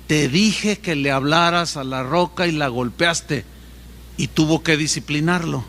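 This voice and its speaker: A man preaching voices God sternly rebuking his servant in a low, grave tone. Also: unhurried, fairly bright tone. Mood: reproachful. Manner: grave, reproachful.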